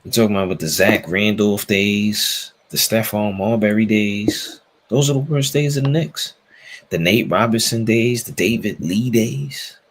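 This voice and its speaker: A man's voice: on the low side, measured pace, a little hiss or hum. An American man hosting a casual sports chat, opinionated and repeating phrases for emphasis. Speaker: talk show host.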